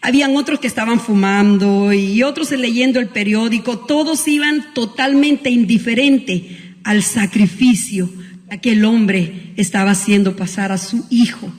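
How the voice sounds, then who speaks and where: A woman's voice: on the high side, measured pace. A woman pastor preaching a Christmas sermon, telling a story with emotion and frequent restarts. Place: school hall used as church. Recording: long hall reverb.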